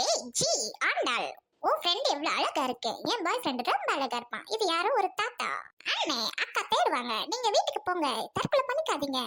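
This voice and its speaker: Brief: woman as a bossy, dramatic young lover, Trichy Tamil accent, very high, swinging voice. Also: wildly swooping pitch, brisk, sharp tone, full character voice. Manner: bossy, melodramatic, scolding. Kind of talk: comedy skit acting.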